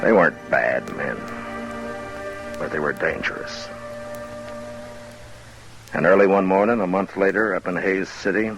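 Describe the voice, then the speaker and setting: Matt Dillon, a tough, stern frontier US marshal, tells his own story in a deep, unhurried male voice with frequent pauses. His manner is terse, commanding and dryly sardonic, the mood grim and reflective. It's 1950s radio western acting and narration from an old broadcast with loud music behind.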